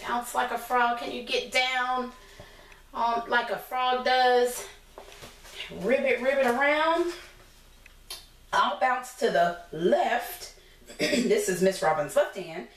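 Reading a picture book to little kids, this American teacher in her thirties speaks slowly in a higher voice, pausing often as she encourages them and poses simple questions. The setting is a small indoor room against a plain decorated wall, captured by a distant mic with roomy echo and noticeable background noise.

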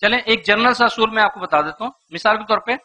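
In a high, bright, pushed voice, a man delivers a motivational lecture to a live audience. He speaks rhetorically, throws questions at the listeners, and acts out the things parents say.

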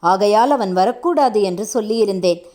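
A woman reading a stern, proud male king in a storybook reading, measured and reproachful in her delivery. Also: medium pitch, animated, darkish tone, lightly acted. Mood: commanding.

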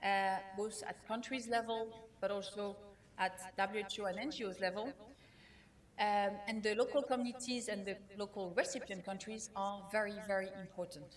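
A woman whose first language is not English, giving a conference keynote in a measured way, with frequent fillers and restarts. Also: mid-range voice, fairly even intonation. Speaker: keynote speaker.

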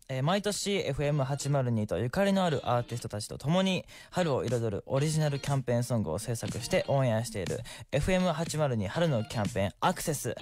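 A man's voice: mid-range voice, darkish tone. A young man, hosting a radio show in a studio, reading listener letters and answering them in a friendly, chatty way. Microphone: studio microphone.

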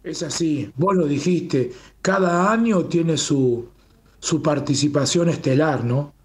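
A Rioplatense man speaks as a guest on a radio interview, his voice sitting a little high. He talks with open enthusiasm and keeps checking in with a rhetorical "¿no?" at the end of his sentences. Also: slow. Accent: Rioplatense Spanish. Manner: warm, enthusiastic, fond of rhetorical "¿no?". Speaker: guest, communications manager of a Japanese garden.

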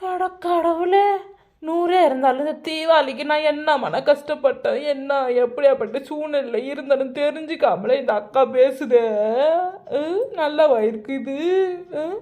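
A woman voicing an aggrieved young woman in a cartoon. She speaks, in a loud, pleading, complaining way. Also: high-pitched, a little slow. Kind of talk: animated cartoon voice acting.

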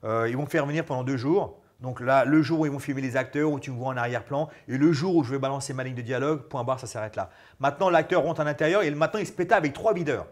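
In a small studio lounge, a lapel-miked guest in his forties, a former fighter who became an actor and stuntman, talks fast at medium pitch. The interview is casual, and he is animated, gesturing a great deal.

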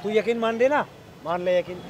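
A man's voice: high voice, normal speed, noisy background. Young man arguing defensively on a street. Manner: defensive, scolding, rough slang. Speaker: boyfriend in a comedy skit. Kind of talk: acted street skit argument.

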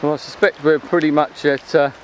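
Brisk and fairly high-pitched, with a fairly even intonation, this man rambles chattily through unscripted commentary on a beach walk he's vlogging. The open shore is at low tide, and his handheld camera's own mic picks up plenty of wind and water.

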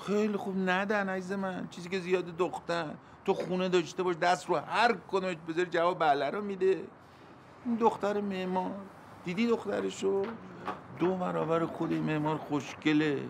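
A middle-aged actor playing a pushy, sweet-talking landlord in a TV drama. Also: male voice, sits high, steady tone, vocal fry. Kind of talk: TV drama acting. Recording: noisy background.

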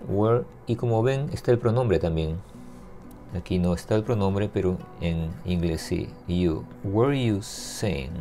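Low-voiced male language teacher, gravelly and mellow, patient explanations, soft guitar music under. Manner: patient, repeats phrases slowly. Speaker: English teacher. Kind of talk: explaining grammar step by step.

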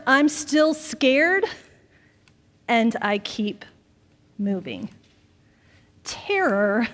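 A woman pastor preaching a sermon in a measured way, letting her phrases trail off softly. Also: a little high. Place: church sanctuary. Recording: long reverb of a church sanctuary.

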